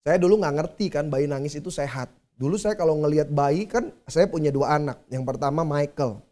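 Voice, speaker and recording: Male pastor, mellow warm voice, relaxed conversational sermon delivery straight to the congregation. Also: on the high side, fairly quick. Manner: conversational preaching, addresses the congregation directly.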